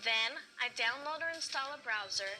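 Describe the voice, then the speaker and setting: Woman acting high-voiced, eager schoolkid explainer. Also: animated, normal speed. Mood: upbeat, eager. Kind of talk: scripted instructional video acting. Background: music.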